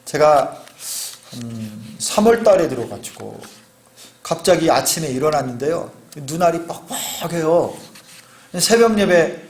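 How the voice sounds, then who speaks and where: A man's voice: on the high side, big pitch swings, moderate pace, a little mellow. A male pastor preaching a sermon in a church, talking earnestly and rising to fervent exhortation. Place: church sanctuary. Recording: echoey church room.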